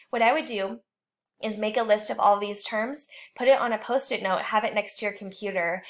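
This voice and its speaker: A woman instructor giving a recorded online writing lecture, explaining rules clearly with the odd light joke. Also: mid-range voice.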